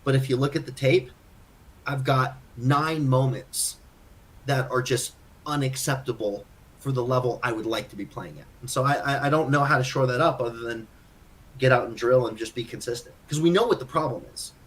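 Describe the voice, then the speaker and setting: A podcast co-host with a medium-pitched voice talks at normal speed, casually thinking out loud about his own game. He is self-critical and keeps restarting his sentences.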